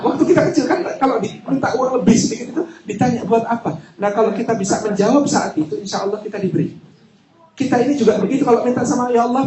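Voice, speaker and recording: A male preacher tells personal anecdotes with humor, his voice pitched high for a man. The sound rings around an echoey hall. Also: noisy background. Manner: lively, joking, personal anecdotes. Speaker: Islamic preacher. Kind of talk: humorous sermon storytelling.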